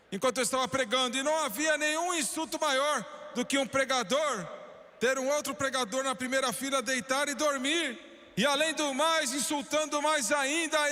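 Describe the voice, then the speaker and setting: A male preacher with a Brazilian Portuguese accent voices a dubbed sermon in Portuguese, telling a story with fervor and swinging between hushed and emphatic lines. His pitch is extremely high, and the recording has a long hall reverb.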